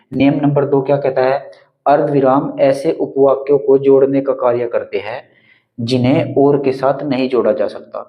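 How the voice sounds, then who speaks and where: A man teaching a Hindi grammar lesson for exam preparation, explaining rules step by step, often checking in with the class and reading example sentences slowly. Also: mid-range voice, lo-fi sound.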